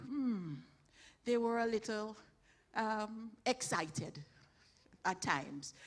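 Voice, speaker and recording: A woman's voice: medium pitch, sharp tone. A woman leading church announcements, thanking helpers in a chatty way with many restarts. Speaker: church program leader. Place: church hall.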